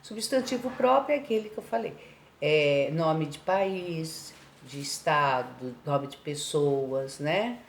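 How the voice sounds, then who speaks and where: A woman's voice: sits low, expressive, slow pace. A Brazilian woman teaching a remote lesson, patiently explaining homework and checking in after each point. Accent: Brazilian Portuguese. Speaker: schoolteacher. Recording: echoey room with faint background noise.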